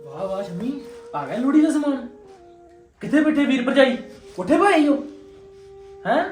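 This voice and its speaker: A man's voice: extremely high pitch, very animated, moderate pace. A man playing a chatty young husband who coaxes and comforts his wife, repeating himself. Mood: cheerful. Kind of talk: family web drama acting. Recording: echoey room, mic far off, soft music.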